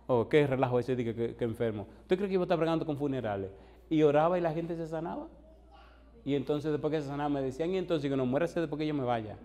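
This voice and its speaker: Animated pastor telling a story. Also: male voice, fairly high pitch, quick pace. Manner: animated storyteller acting out dialogue. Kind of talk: storytelling sermon.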